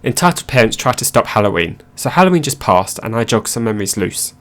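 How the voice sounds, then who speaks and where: Male narrator, lowish voice, steady read-aloud delivery of online stories. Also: fast talker.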